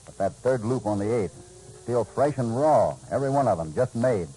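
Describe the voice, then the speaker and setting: An actor playing a calm, shrewd cowboy hero in a western drama, with an American accent and a measured, dryly confident delivery. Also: male voice, medium pitch, natural voice. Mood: assured, explaining. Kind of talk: old western radio drama acting. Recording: noisy old radio recording.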